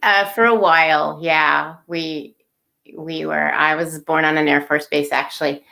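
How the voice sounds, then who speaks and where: A woman in her fifties, a guest in a casual video chat, relaxed and storytelling with easy laughs. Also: low voice, unhurried, gravelly.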